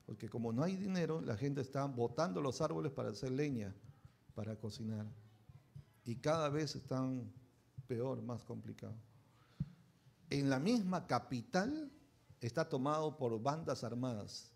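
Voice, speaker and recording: A man's voice: mid-range voice, expressive, a little slow, vocal fry, darkish tone, slightly rough. A pastor preaching a conversational sermon, often checking in with his listeners with short tag questions.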